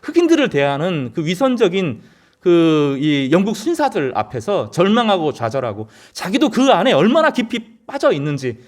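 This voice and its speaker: A man's voice: high-pitched, sing-song, normal speed. A man preaching a sermon as pastor, earnest, with rising emphasis and frequent hesitation fillers.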